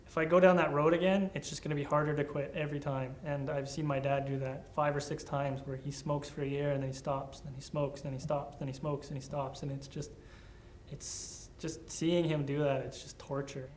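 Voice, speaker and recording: A man's voice: a little high, flat delivery, a little fast, slight background noise. A man in his early twenties giving earnest, conversational interview answers. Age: 20s.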